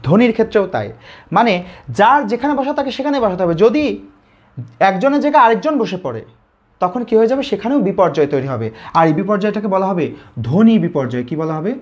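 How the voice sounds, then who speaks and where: Here a Bangladeshi Bengali-accented male teacher runs a live online grammar class, asking questions and supplying the answers himself. He sounds high-pitched and animated, talking a little fast, and the lo-fi recording is slightly dull.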